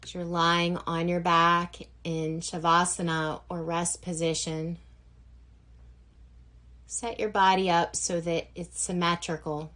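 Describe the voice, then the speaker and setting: A yoga nidra instructor with a fairly low voice guides a meditation, speaking very slowly and gently. She delivers relaxation instructions flatly, leaving long pauses between phrases.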